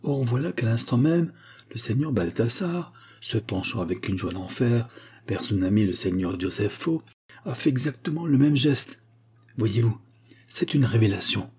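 A man voicing an excitable, loyal male dwarf servant who talks in a breathless, pleading way. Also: mid-range voice, moderate pace, breathy edge. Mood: urgent.

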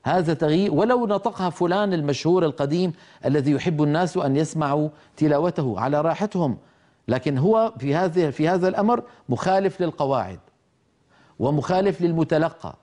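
A man teaching tajweed, explaining pronunciation rules and slowly demonstrating how verses should and should not sound. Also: a little high, darkish tone. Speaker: Quran recitation teacher. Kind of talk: tajweed lesson.

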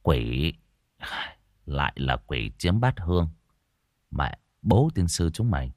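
A man's voice: rumbling low, sing-song, slow pace, darkish tone, dry recording, studio quality, voice pushed down, exaggerated voice. A man voicing a brash young exorcist who talks bluntly and brusquely.

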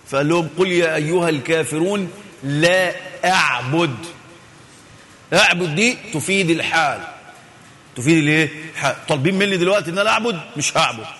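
A man's voice: fairly high pitch, pushed and bright. A man with an Egyptian Arabic accent gives a Quran tafsir lesson. He asks questions, answers them himself, and repeats key words for emphasis. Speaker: religious teacher. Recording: hall reverb.

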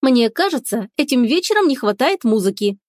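A woman voicing a bold, fun-loving young woman who speaks briskly, in an audiobook. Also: fairly high pitch, very animated, a little mellow, dry recording, studio quality, voice pushed up. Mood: lively.

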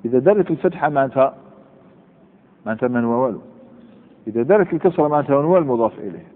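A man's voice: medium pitch, lively intonation, very fast. A man with an Algerian Arabic accent teaching a grammar class, repeating examples over and over and quizzing his students. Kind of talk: classroom lecture. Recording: tinny lo-fi with long hall reverb.

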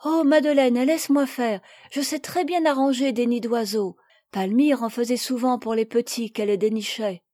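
A woman's voice: a little high, fairly even intonation, normal speed, mellow, no echo, clean studio sound, natural voice. A woman voicing a boastful, clumsy little girl in a storybook reading.

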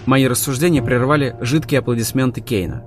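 Audiobook narrator: a man, mid-pitched voice, steady expressive first-person reading, faint music behind. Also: a little fast.

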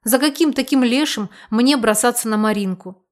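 A loud, blunt village aunt who scolds and mocks in the same breath, as a woman reading the story puts her on. Her voice sits a little high and carries force. It is an audiobook character voice. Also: moderate pace, natural voice. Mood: scolding.

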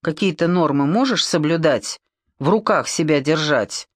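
A woman's voice: deep voice, lively intonation, moderate pace, no room sound. Woman doing a strict young woman, reproachful, tense, dry audiobook voice.

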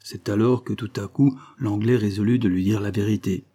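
A man reading a literary short story aloud in a measured narrating voice. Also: on the low side, fairly even intonation, mellow, husky.

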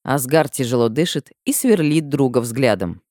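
A woman reading a first-person audiobook with emotional delivery and sudden high cries. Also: expressive, moderate pace, mellow, no echo, studio quality. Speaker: audiobook narrator.

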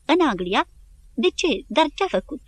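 A woman's voice: high-pitched, very animated, voice pushed up. A woman voicing a distressed wife of a wounded grocer, pleading with rising questions in an audiobook. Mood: alarmed.

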